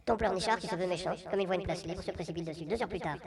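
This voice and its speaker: A man reading a literary text aloud, his recording sped up into a high chipmunk voice with a rapid, breathless delivery. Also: creaky, a crowd in the background.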